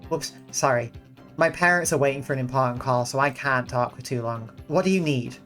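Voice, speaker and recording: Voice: medium pitch, brisk, a bit bright, lightly acted. A reader doing a plain teenage schoolboy, everyday tone, a little reluctant, visual novel reading, faint music behind. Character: ordinary teenage schoolboy Keiichi.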